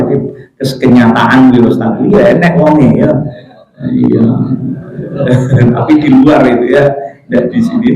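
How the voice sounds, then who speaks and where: A middle-aged man with a Javanese accent preaching a mosque study sermon, lively and joking with the congregation. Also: mid-range voice. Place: mosque hall. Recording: echoey mosque hall.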